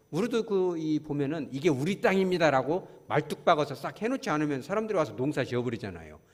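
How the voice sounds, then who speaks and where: A man's voice: on the high side, long reverb tail. A male pastor preaching a folksy sermon, often asking the congregation questions.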